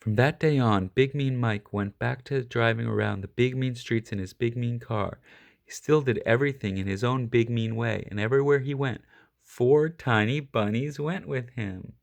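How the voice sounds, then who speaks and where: A gravelly-voiced man of medium pitch reads a children's story aloud expressively at a moderate pace, acting as a storybook reader.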